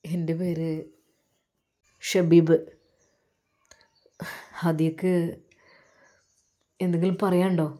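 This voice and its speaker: A woman voicing a gentle young male doctor who speaks softly in a low, pleading voice. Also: flat delivery, slow pace, pauses often.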